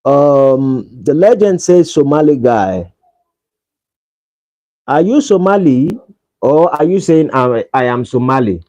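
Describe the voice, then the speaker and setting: In a sing-song, mellow mid-range voice, a Nigerian-accented man takes his time with long pauses while hosting a casual stream. He pleads with viewers for likes, and the audio is dull and lo-fi.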